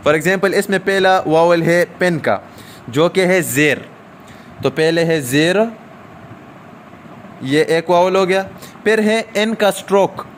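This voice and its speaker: Man, shorthand teacher, step-by-step explaining, faint background noise, slightly high voice. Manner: explains step by step, often checks with "okay?" and stretches out "aa" fillers. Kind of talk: recorded lesson.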